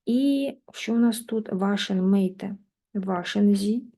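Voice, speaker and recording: A woman teaching German in a lesson, patiently working through exercises and repeating words slowly. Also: mid-range voice, warm tone. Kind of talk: online language lesson, explaining in Ukrainian.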